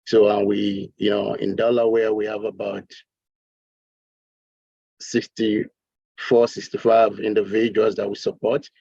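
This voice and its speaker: Nigerian-born man in his middle years, low and flat, husky; hesitant interview guest, muffled dry audio. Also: no room sound. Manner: halting, repeats himself. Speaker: guest, political candidate. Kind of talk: interview answers.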